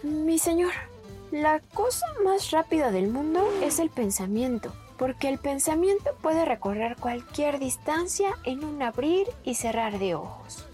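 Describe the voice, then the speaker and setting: A woman's voice: sits high, expressive, unhurried, mellow, voice pushed up. A poor old shepherd who frets and speaks humbly to his lord, as a woman narrator plays him. Faint music is heard behind. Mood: worried. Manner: fretful, humble.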